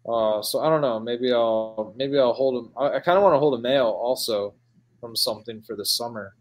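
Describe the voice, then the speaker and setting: A man's voice: mid-range voice, brisk. Rambling Midwestern guy, casual chat. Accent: Midwestern American. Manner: rambling, filler-heavy, calls people dude and man.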